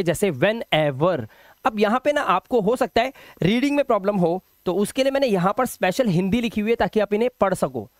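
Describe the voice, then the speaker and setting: Male English teacher, high voice, patient explainer, dry close recording. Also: no room sound. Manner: explaining patiently, repeating words with check-ins. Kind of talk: spoken English lesson.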